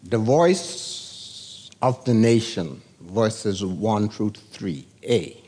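An older man from the Bahamas, a pastor preaching a sermon and telling a personal story in a deliberate, storytelling way, acting out the voices he heard. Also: on the low side, lively intonation, a little mellow, slightly rough.

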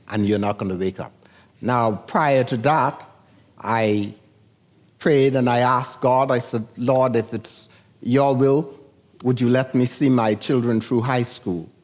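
Slow-speaking older Bahamian pastor. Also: male voice, mid-range voice, darkish tone. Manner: slow, deliberate storytelling with quoted voices. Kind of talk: sermon.

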